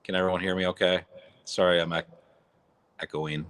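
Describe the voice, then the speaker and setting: His voice bouncing off barn walls, a man hosts a casual livestream through a phone or app mic, speaking bluntly and rawly as he rambles. He sounds low and level, a little fast, a bit bright, with a clean tone.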